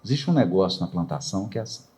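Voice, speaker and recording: A man's voice: low-pitched, big pitch swings, very fast, dark tone. A man from Brazil, giving a spiritist lecture in a rhetorical way, asking questions and acting out quoted voices. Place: lecture hall of a spiritist center.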